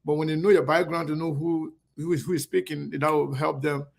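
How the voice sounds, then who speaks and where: Gravelly-voiced male interview host. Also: on the high side, steady tone, fairly quick. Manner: hesitant, friendly, with fillers. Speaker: show host. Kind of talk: interview conversation.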